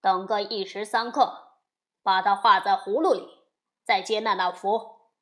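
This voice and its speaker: Smug older male demon king, played by a woman: loud, low-set, self-satisfied. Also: steady tone, a little slow, lightly acted.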